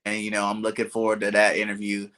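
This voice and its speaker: A man's voice: fairly low pitch, monotone, fast talker, fairly bright tone. A man from California hosting a casual sports podcast over a video call, laid-back and rambling with lots of "you know what I'm saying". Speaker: podcast host.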